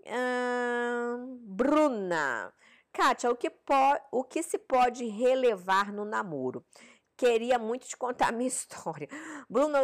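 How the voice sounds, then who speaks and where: A woman with a Brazilian Portuguese accent hosting a live-stream Q&A, answering viewers' relationship questions in a frank, direct way and often checking in with short tag questions. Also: a little high.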